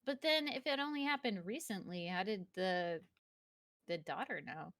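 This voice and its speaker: A woman's voice: mid-range voice, moderate pace, fairly bright tone, no echo, clean studio sound. Chatty woman player, questioning. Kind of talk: casual game chat.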